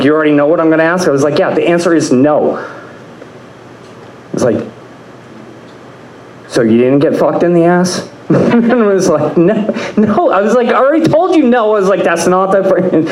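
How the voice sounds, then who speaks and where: A man's voice: a little high, a little mellow. A man doing a stand-up comedy set on a club stage, rambling and crude, often laughing at his own jokes. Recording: echoey club room.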